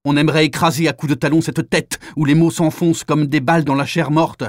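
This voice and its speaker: A man's voice: on the high side, flat delivery, brisk, no room sound, studio quality, lightly acted. A man playing a harsh, cruel officer. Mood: furious. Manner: harsh, barking, exasperated. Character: cruel, impatient male officer.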